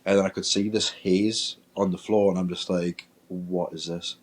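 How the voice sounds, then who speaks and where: A man, a paranormal investigator, telling a ghost-hunting story in a lively way and acting out his own reactions. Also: low voice, moderate pace. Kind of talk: storytelling in casual chat.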